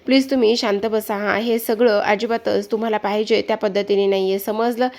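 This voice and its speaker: A woman's voice: mid-range voice, fairly even intonation, fairly quick, a little mellow, close to an everyday voice. A woman voicing an exasperated young daughter-in-law pleading firmly in a retold serial.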